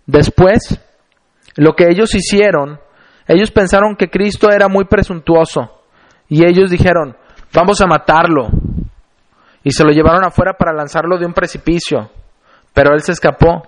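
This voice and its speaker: A man preaching a sermon, reading scripture aloud and explaining it in a deliberate manner, slowing down to stress key phrases. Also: high voice.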